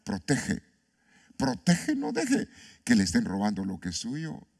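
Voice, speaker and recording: A man's voice: medium pitch, measured pace, breathy edge. Pastor guy preaching in church, voice jumps all over, asks the crowd stuff. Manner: animated preaching, rhetorical questions to the congregation. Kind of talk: sermon.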